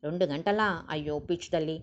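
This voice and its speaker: A woman's voice: sits low, a little fast, slight background noise, natural voice. Woman doing a fervent loving old grandmother. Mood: emotional. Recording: dull lo-fi recording.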